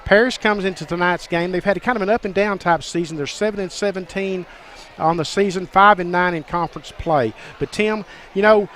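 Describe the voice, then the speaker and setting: High-voiced basketball announcer. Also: male voice, fairly quick, a bit bright, a little hiss or hum. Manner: formal, stat-heavy broadcaster delivery. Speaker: play-by-play announcer. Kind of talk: college basketball webcast commentary.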